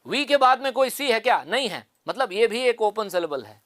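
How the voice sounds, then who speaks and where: During an exam-prep lesson, a man with a fairly high, slightly bright voice walks through each point step by step, posing questions to the class and answering them himself while repeating key answers. His pitch swings widely at a normal speed. The recording is dry, without room sound or echo.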